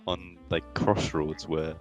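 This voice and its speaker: A man's voice: low-pitched, flat delivery, slow pace, a little mellow, soft background music, rough recording. A young man, rambling through anecdotes on a casual podcast. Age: young adult. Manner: rambling anecdotes full of fillers. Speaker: podcast co-host. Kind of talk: casual chat.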